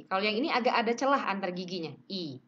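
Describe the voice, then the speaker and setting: A woman teaching pronunciation in a relaxed online lesson, chatting easily and modelling each sound aloud. She slides between casual talk and English phrases. Her voice sits at an ordinary middle pitch and comes through a somewhat muffled, lo-fi recording. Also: rapid-fire, a little hiss or hum.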